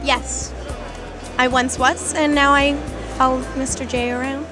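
A young woman cosplayer staying in character at a convention booth, answering with deadpan creepy menace into a handheld mic. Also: sits high, measured pace, over music. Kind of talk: in-character banter. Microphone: handheld interviewer mic.

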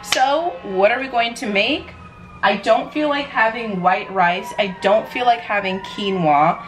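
Filming a casual cooking vlog in her home kitchen, a young New York woman talks playfully to the camera, chatty and by her own account chaotic. Her mid-range voice moves a little slowly over soft background music, in a rough recording with clear background noise and room ambience.

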